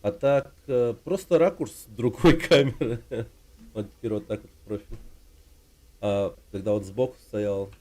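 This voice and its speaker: A man in his thirties from Russia chatting casually on his game stream, relaxed and rambling, with lots of filler words. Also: fairly low pitch, unhurried. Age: 30s.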